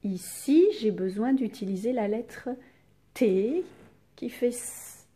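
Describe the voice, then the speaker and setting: Woman schoolteacher, patient and unhurried, warm low-key timbre, coaxing questions to kids. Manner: slow, patient, stretched-out syllables, questions to the class. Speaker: primary school teacher. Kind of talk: remote reading lesson for young children.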